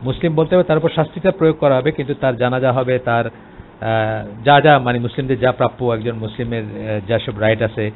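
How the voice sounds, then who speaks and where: A male Islamic lecturer with a Bangladeshi Bengali accent explains religious matters in a mid-range, gravelly voice with fairly even intonation, talking a little fast. He's hesitant, uses many filler sounds and mixes in English words. The audio is tinny, like a phone line, with faint noise.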